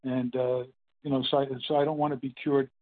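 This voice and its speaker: Over tinny line audio, a man in his eighties gives casual phone-in testimony, telling his story as a meeting speaker. His mid-range voice barely moves in pitch as he rambles and halts, full of fillers and restarts.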